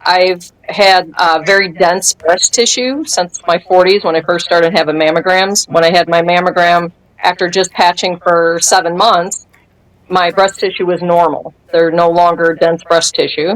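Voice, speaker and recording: A guest in her fifties relates her testimony in a laid-back interview, her voice on the low side and her pace moderate. Lively and expressive, she performs what others said and laughs frequently, all captured in low-quality audio.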